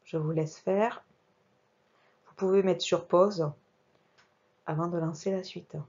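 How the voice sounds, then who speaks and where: Woman primary teacher, remote phonics lesson, measured and patient delivery, lower voice, muffled home recording. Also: steady tone, a little mellow, breathy edge. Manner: slow, careful, articulating each sound; talks while working the mouse on screen. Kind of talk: remote reading lesson for young children.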